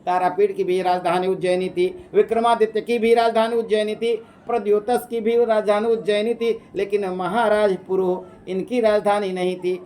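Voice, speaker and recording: A man teaching Sanskrit exam questions, reading options aloud, slowly chanting verses and explaining each answer in casual, repetitive speech. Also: high voice, little pitch movement, a little mellow. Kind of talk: exam question walkthrough lesson.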